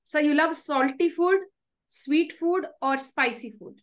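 A woman's voice: high voice, unhurried. A woman in her thirties with an Indian accent, hosting a video-call interview in an effusive, polite, affirming way. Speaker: interview host. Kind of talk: conversational interviewing. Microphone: video call microphone.

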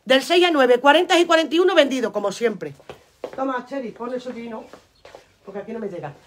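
Casting: woman, high voice, chatty and affectionate live-stream clothing seller, phone mic. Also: a little fast. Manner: chatty, affectionate, repeats prices and calls viewers darling. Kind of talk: live sales pitch.

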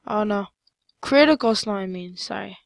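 A woman giving casual, rambling commentary over her own gameplay, full of fillers and sudden excited outbursts. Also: mid-range voice, moderate pace, creaky, no echo.

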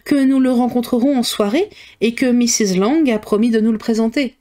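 A woman reading a novel aloud, voicing a sensible young woman who corrects her mother calmly and gently. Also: a little high, normal speed, natural voice.

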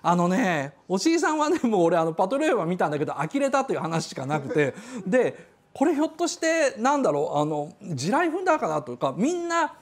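A man's voice: high voice, big pitch swings, a little fast, few pauses. An older man giving a casual spoken critique as a commentator. He acts out quoted dialogue in raised voices and chuckles as he talks. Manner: chuckles while talking.

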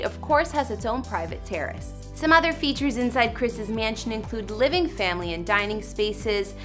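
A woman's voice: a little high, a bit bright. A young woman hosting a celebrity gossip segment, narrating in a chatty scripted way with sarcastic asides.

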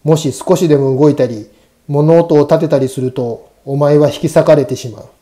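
Grave, protective head priest for a ghost storybook, played by a male narrator: stern admonishing delivery, very dark mellow tone. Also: a little high, steady tone, moderate pace, close to an everyday voice. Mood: stern warning. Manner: grave, admonishing, old-fashioned speech.

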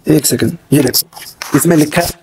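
A man's voice: a little high, darkish tone, slight background noise. A middle-aged man, chatting casually on a live stream from his phone, rambling and muttering to himself as he fiddles with cables.

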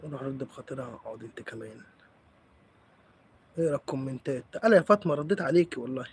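A man's voice: mid-range voice, lively intonation, racing, a little mellow, a little hiss or hum. A man with an Egyptian accent hosting a live stream, chatting playfully with viewers and teasing them as he answers comments. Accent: Egyptian Arabic.

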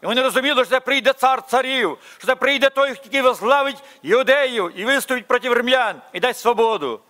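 A man's voice: very high-pitched, animated, brisk, sharp tone. A man with a Ukrainian accent preaching a Sunday sermon to his congregation, fervent, full of rhetorical questions. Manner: preaching with rising fervor, repetitive rhetorical questions. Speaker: pastor.

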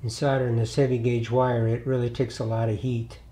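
A middle-aged man hosting a hands-on repair tutorial in his home garage, talking in a relaxed, plainspoken way as he works on an engine bay. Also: medium pitch, fairly quick. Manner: relaxed, plainspoken, thinks aloud while working. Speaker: DIY auto repair channel host.

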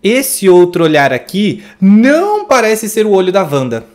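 Reacting to a movie trailer, this Brazilian Portuguese-accented man gushes over every scene in an effusive, exclamatory way. He speaks at a measured pace in a high-pitched, somewhat mellow voice with huge swings in pitch.

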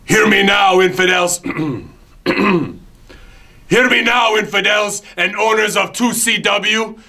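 A man voicing a fanatical, menacing male wrestling villain, bellowing threats and drawn-out chants in a shouted promo. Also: high voice, fairly even intonation, vocal fry, pitched above the performer's own voice, heavily acted.

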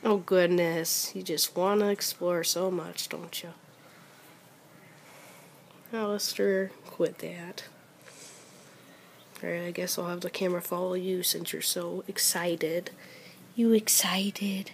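A woman's voice: lowish voice, level tone, takes it slowly, gravelly, pauses often, slight background noise. A woman filming her family at home, talking in a cooing, coaxing baby-talk voice in a bedroom, recorded on a handheld camera. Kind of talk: casual home video.

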